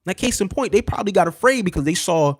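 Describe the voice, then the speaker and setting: A man in his thirties or forties hosting a livestream, telling stories in an animated, streetwise way, filling his talk with "you know what I'm saying" asides and dropping to a hushed voice at tense moments. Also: quick pace, dry recording, studio quality. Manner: drops to a hushed, low voice when retelling tense moments. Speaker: livestream host. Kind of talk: casual storytelling to a live chat.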